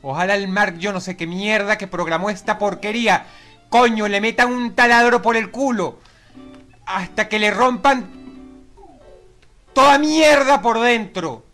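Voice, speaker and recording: A man with a Venezuelan accent narrating his gameplay, swearing nonstop and shouting in frustration. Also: sits high, a little slow, faint music behind. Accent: Venezuelan Spanish. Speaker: gamer. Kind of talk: raging gameplay commentary.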